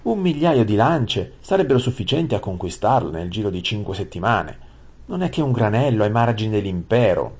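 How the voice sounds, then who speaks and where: A man voicing a hot-tempered young prince who shouts and rants. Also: fairly low pitch, big pitch swings, brisk, breathy edge, voice pushed up, full character voice. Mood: furious. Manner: shouting, ranting.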